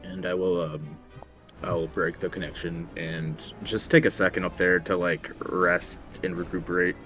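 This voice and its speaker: Low-voiced man playing tabletop game. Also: fairly even intonation, measured pace, a bit bright, faint music behind. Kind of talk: casual in-game role-play talk.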